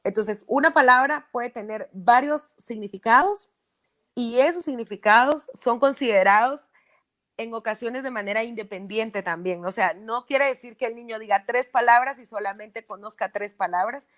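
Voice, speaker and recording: Patient woman explaining calmly. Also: a little high, moderate pace. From Guatemala. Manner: patient, explanatory, with frequent "¿verdad?" checks. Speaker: speech therapist. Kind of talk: interview, explaining.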